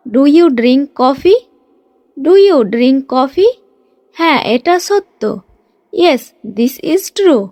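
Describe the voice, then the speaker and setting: Brief: high-voiced woman teacher, drilling short phrases in a dry close recording. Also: dry recording. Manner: reads each Bengali phrase briskly, then says the English slowly twice. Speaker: English teacher.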